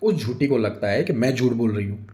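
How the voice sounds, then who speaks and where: A man voicing an angry middle-aged housewife who scolds her husband in loud, shrill complaints. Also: animated, a little fast, close to an everyday voice. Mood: indignant.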